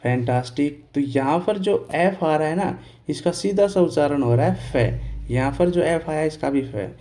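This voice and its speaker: A male teacher explaining pronunciation step by step, asking questions and answering them himself, repeating key words slowly and spelling out letters. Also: fairly high pitch, warm tone. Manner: clears his throat now and then. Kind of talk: Hindi lesson on English pronunciation.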